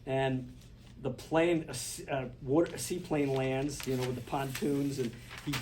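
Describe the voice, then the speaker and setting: A man's voice: mid-range voice, steady tone, unhurried. A man teaching film lighting in a hands-on workshop, talking in a loose, chatty way with asides and restarts. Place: studio classroom with a group. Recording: echoey room, distant, noisy ambience.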